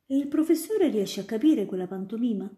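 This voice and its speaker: A woman's voice: fairly high pitch, expressive, a little fast, mellow, voice pushed up, lightly acted. A woman voicing a curious, eager little girl who keeps asking questions in a storybook reading. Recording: roomy echo.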